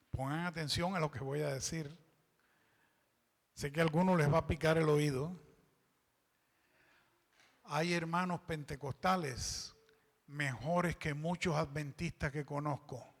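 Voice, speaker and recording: This pastor's voice is fairly high and fairly bright as he delivers his sermon, reading passages aloud and unpacking their meaning. He pauses for the congregation to supply the missing words, all under the long echo of a church hall.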